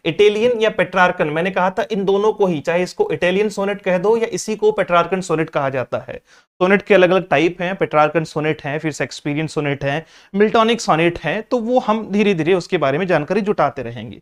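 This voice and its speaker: A man's voice: sits high, a little fast. A male teacher giving an exam-prep lecture, repeating key points and asking the class questions as he explains. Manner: mixes English terms into his explanations.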